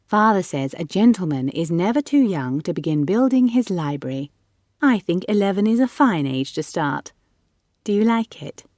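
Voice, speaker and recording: A woman voicing a lively, eager young girl from the gentry who chatters and coaxes. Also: on the low side, moderate pace, dry recording, clean studio sound. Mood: chattering. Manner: excited, chattering, coaxing.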